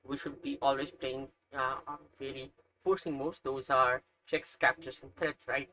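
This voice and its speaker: A young Nepali man with a Nepali accent gives casual screen-recorded commentary as a chess learner, thinking aloud through puzzles with frequent hesitations and self-corrections. His mid-range voice is level, measured, bright and forceful, on a rough recording.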